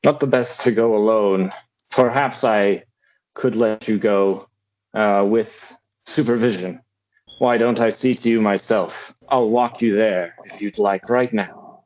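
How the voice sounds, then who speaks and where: A man voicing a weary aging lord and general who is a formal, fatherly figure, speaking in a slow, old-fashioned way with an attempted British accent that slips toward Scottish. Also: lowish voice, a little mellow, highs cut off.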